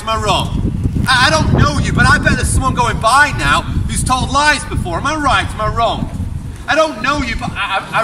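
A man in his thirties from the UK preaching an open-air street sermon, projecting loudly and firing rhetorical questions at passers-by. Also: extremely high pitch. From United Kingdom. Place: outdoor pedestrian shopping street. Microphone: far camera, unmiked open air. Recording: distant voice with street noise. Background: street ambience and passers-by.

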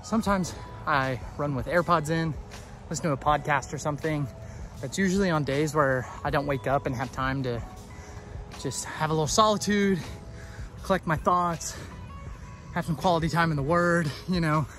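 A man records a casual vlog while running outside. His voice is bright and a little high, and he rambles in a playful, self-deprecating way. Faint music sits under the talk. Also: moderate pace. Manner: talking while running outdoors. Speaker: vlogger. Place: outdoors on a running trail.

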